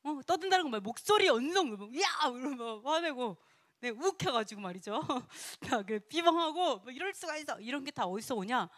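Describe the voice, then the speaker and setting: A woman gives a chatty sermon with a fairly high voice. She laughs often and slips into little acted-out quotes as she teaches. The sound is dry and close. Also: a little fast, no room sound. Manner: lively, laughs often, acts out quoted speech. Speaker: Bible teacher.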